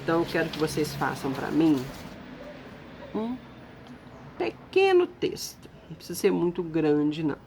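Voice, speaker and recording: A woman's voice: low-pitched, normal speed, darkish tone, a little hiss or hum. A woman teacher giving a recorded lesson, explaining patiently step by step and checking in with her students.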